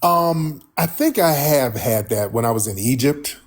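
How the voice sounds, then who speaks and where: American guy hosting a live chat, kinda husky, blunt and slangy, mid pitch. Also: animated, measured pace. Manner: blunt, colloquial, swearing. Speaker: host. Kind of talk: casual live talk.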